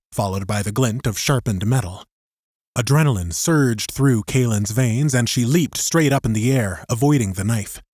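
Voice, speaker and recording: A man with a mid-range, slightly mellow voice narrates scripted fiction as an audiobook reader, telling the story dramatically. The recording is dry and studio quality.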